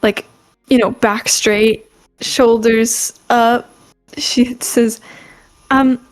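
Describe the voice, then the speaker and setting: A woman's voice: fairly high pitch, level tone, drawn-out words, low-quality recording. A woman player doing casual, hesitant role-play in a tabletop game. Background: faint music, at times a vacuum.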